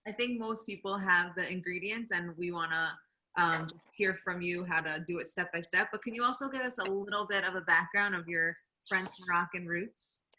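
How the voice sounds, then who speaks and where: A woman's voice: on the low side, moderate pace, bright, forceful tone, slight background noise, poor audio. A young woman hosting a community baking program over a video call, chatty and laughing easily. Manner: chatty and laughing, with many fillers.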